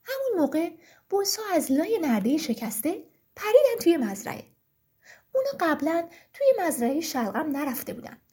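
A woman narrating a children's story in an expressive, sing-song reading. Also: very high voice.

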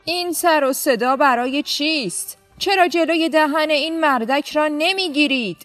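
A woman voicing an arrogant, scornful male governor in a story, talking down with loud, mocking words. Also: high voice, faint music behind, voice pushed up. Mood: haughty. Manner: shouting, mocking and haughty.

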